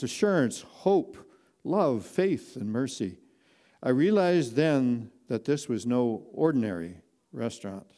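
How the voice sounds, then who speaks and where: Earnest man slowly narrating a story. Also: medium pitch, mellow. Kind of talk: first-person inspirational story reading.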